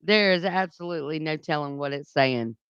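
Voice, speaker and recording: A Southern woman co-hosting morning radio, moving from news items into easy banter. Her voice is smooth and clear. The studio sound is dry and a little muffled, like a lo-fi broadcast. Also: low-pitched, brisk, no room sound. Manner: chatty, reads news then riffs casually. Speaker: radio co-host. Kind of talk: casual morning radio chat. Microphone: studio microphone.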